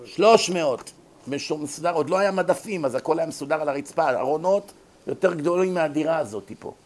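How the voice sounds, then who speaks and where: Man, rabbi's lecture, animated delivery with acted-out scenes. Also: on the high side. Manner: animated, acts out little scenes in other voices. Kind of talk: Torah lecture. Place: abroad, in America.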